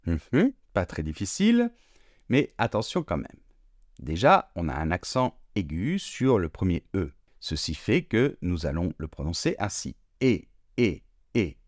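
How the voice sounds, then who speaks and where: A man teaching French pronunciation slowly and deliberately, drawing out sounds and repeating each word. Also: sits low, huge pitch swings, no room sound, clean studio sound. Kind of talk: slow, careful pronunciation lesson.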